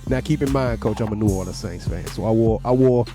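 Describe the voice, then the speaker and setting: A man's voice: fairly low pitch, a little fast, warm tone, soft background music. A man co-hosting an interview in a playful, joking way. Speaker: co-host. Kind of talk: casual interview chat.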